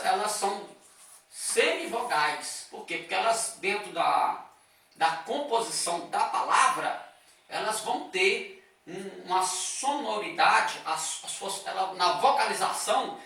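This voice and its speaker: A slow-speaking man with a high, bright, gravelly voice lectures step by step, checking in with his listeners often. His voice comes from a distance in a very echoey room. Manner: explains step by step, with frequent "tá?" and "ó" checks. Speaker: teacher. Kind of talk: classroom lecture.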